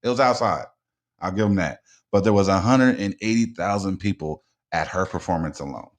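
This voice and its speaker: A man's voice: deep voice, fairly quick. A man hosting a casual talk radio show, blunt and informal, rambling with frequent restarts and repeated words.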